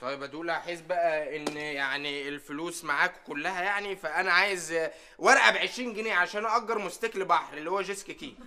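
A put-upon bazaar helper in an Egyptian sitcom who whines and pleads. His voice is high and very bright. He talks fast. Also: a little hiss or hum. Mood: whining. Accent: Egyptian Arabic. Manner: whining, pleading.

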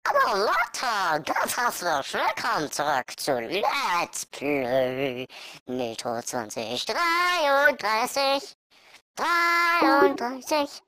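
A man's voice: extremely high pitch, wildly swooping pitch, very slow, sharp tone, dry recording, pitched above the performer's own voice, heavily acted. A man talking through a voice-morphing headset filter, rambling giggly and silly to himself in let's play chat. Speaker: gamer.

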